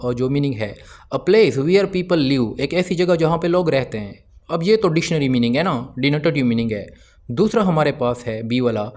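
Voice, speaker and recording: Mellow-voiced man explaining exam answers. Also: on the high side. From Pakistan. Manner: explanatory, asks and answers his own questions, reads English items slowly. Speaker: English teacher.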